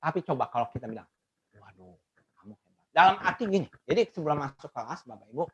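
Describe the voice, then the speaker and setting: A woman's voice: sits low, expressive, very fast, husky, lo-fi sound. Laughing woman teacher on a webinar. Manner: laughs often between phrases; acts out quoted remarks in changed voices. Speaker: math teacher presenting a webinar. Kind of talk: online teaching talk to parents and teachers.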